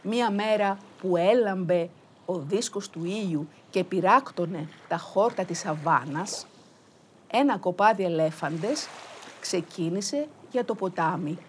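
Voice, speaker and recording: Female storyteller, oral folk-tale narration, lively and rhythmic, plays with repetition. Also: fairly low pitch, a little hiss or hum.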